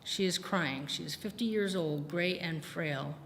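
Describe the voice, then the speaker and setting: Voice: mid-range voice, unhurried, creaky, fairly bright tone, a little hiss or hum. A reader narrating a solemn, vivid retelling of an execution in a church. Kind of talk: dramatic scripture narration. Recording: long church reverb.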